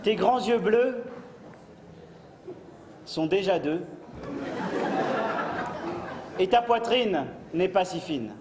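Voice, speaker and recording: An actor playing a vain, lovelorn poet in a stage comedy, hamming it up with theatrical declamation. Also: male voice, high-pitched. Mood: declaiming. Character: lovelorn, vain amateur poet, earnest husband of Marianne. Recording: echoey noisy theatre with audience.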